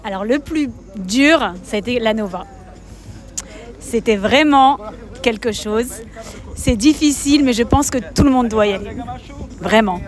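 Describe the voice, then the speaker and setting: Casting: earnest French woman volunteer, fairly high voice. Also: measured pace, pauses often. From France. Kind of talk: street interview.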